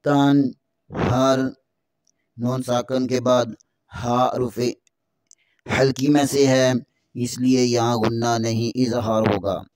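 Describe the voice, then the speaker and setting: A man teaches Quran recitation, breaking each verse into its letters before chanting it in a slow, drawn-out way. His voice is smooth and clear, held at a flat, steady pitch. The recording is dry and close. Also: dry recording. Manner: slow drawn-out recitation between brisk explanations.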